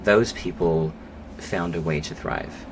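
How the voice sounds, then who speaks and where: Very deep-voiced male psychologist guest. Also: fairly even intonation. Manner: thoughtful, measured, with pauses and fillers. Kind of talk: podcast interview conversation. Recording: clear background noise.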